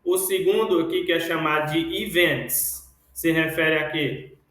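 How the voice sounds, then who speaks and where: A male teacher leads a classroom lesson in a very echoey room. He talks slowly and patiently, saying words over and over so the students can copy them. His voice sits a little high for a man. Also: steady tone, fairly bright tone. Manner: slow, repeats words to model pronunciation. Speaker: English teacher.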